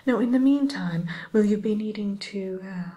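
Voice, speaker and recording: A woman voicing a sly, sweetly courteous wicked witch tutor in a hushed, musing ASMR roleplay. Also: mid-range voice, highs cut off, lightly acted. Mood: chatty, genteel. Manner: hushed, unhurried, hesitant musing, faux-genteel.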